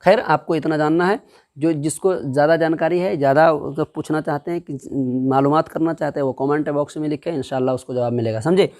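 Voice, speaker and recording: A man's voice: on the high side, steady tone, a little mellow. Patient man teaching Quran reading. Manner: drills syllables slowly, asks and answers his own questions. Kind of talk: step-by-step recitation lesson.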